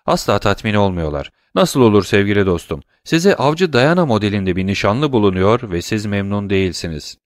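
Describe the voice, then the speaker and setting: A man voicing a worldly, fatherly gentleman of thirty in an audiobook, close to his own low voice. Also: animated, moderate pace, few pauses, no echo, lightly acted. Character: thirty-year-old gentleman, worldly and paternal.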